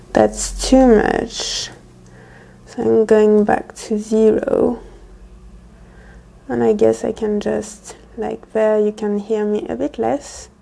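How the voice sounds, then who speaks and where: A woman with a soft-edged, mellow voice on the higher side talks through a casual ASMR unboxing. She speaks in an unhurried way, rambling and thinking aloud as she tries out each feature. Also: gravelly, rough recording. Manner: rambling, thinking aloud while testing gear. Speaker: product reviewer. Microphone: close wireless lavalier microphone being tested.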